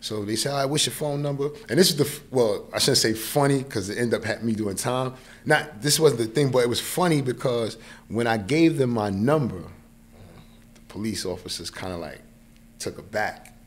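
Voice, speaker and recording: Medium in pitch and moderate in pace, this man in his forties speaks with a New York accent; he's from New York, United States. Appearing as a podcast guest, he relaxes into a personal story and keeps checking in with the listener. He's recorded in a small indoor podcast studio on a close podcast mic mounted on a boom arm.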